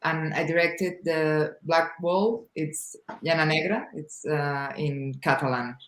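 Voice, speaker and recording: A film director from Barcelona, introducing herself slowly and carefully. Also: female voice, low-pitched, steady tone. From Barcelona, Spain. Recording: roomy echo.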